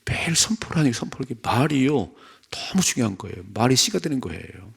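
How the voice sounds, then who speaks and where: Gravelly-voiced pastor preaching conversationally. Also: male voice, mid-range voice, sing-song, quick pace. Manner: conversational preaching, rising to emphatic points. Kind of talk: sermon. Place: church sanctuary.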